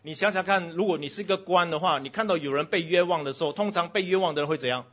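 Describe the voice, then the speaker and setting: In this sermon, a man switches between booming exclamations and soft lines, tosses in English phrases, and talks directly to the children in the congregation. He speaks fast in a slightly high voice, and the recording is muffled.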